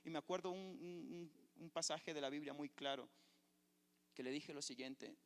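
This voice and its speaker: A man's voice: a little high, moderate pace. A man, a pastor preaching a sermon and telling a personal testimony with fervor. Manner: fervent preacher, storytelling testimony. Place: church sanctuary. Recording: echoey church hall.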